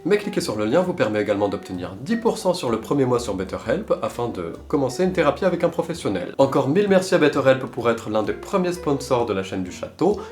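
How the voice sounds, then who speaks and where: A man's voice: mid-range voice, big pitch swings, quick pace, hardly any pauses, a little mellow. A young man hosting a comedic vlog, talking in a mock-pompous, theatrical old-fashioned French style. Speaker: YouTuber host. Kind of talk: comedic vlog narration in costume. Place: castle grounds and rooms.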